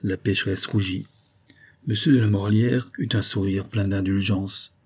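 A man reading a nineteenth-century novel aloud in measured scripted narration. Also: fairly low pitch, fairly even intonation, a little mellow, husky. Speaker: audiobook reader.

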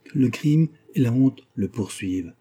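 A man voicing an anguished middle-aged gentleman in love, reading him passionately and pleadingly in an audiobook. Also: mid-range voice, expressive, moderate pace, slightly rough.

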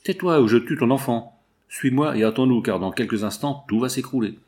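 A man's voice: mid-range voice, brisk, darkish tone, natural voice. A man voicing a cynical, brutal male foreman who gives orders and threats. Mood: threatening. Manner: cynical, commanding.

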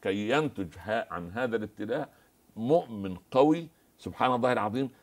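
A man's voice: medium pitch, lively intonation, fast talker. A man as the scholar guest on a TV religious discussion, preaching and quoting scripture and stories.

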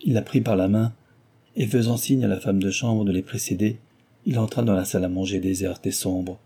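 A man's voice: fairly low pitch, slightly rough. A man steadily reading a classic novel aloud as narrator. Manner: steady and measured. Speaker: audiobook narrator.

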